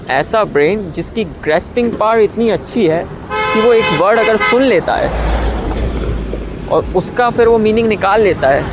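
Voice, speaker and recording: A young man talks to his vlog audience in a wry, rambling monologue, and his voice sits slightly high. He mocks himself and stretches his English phrases out slowly in a lower voice. Traffic from a nearby road runs clearly behind him. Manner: wry and self-mocking, sliding into slow, lower, drawn-out English. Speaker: YouTuber.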